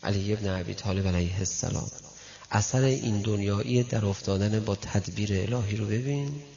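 A male preacher giving a sermon, telling stories and speaking directly to his listeners, with a gravelly voice. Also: fairly low pitch. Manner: storytelling, addresses listeners directly, animated quoting. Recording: dull lo-fi recording.

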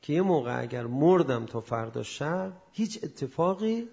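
A man preaching a storytelling sermon, acting out the people in it and swinging from hushed asides to loud emphasis. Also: on the high side, vocal fry. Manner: animated, acts out quoted speakers. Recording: echoey dull lo-fi room sound.

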